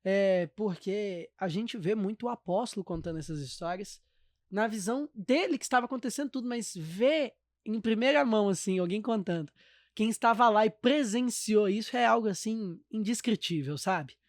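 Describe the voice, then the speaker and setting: A man's voice: sits high, animated, moderate pace, no echo, studio quality. A Brazilian man hosting a church podcast, responding to his guest with enthusiastic, reflective remarks. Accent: Brazilian Portuguese. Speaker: podcast host. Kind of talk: conversational interview.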